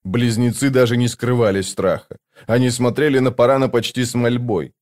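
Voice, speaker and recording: A man narrating a fantasy audiobook in an even, measured storytelling manner. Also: mid-range voice.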